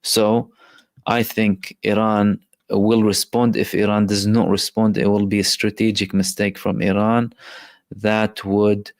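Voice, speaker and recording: A man's voice: fairly low pitch, flat delivery, unhurried, dry recording, studio quality. A man hosting a live stream, commenting emphatically and reading viewer messages with frequent fillers.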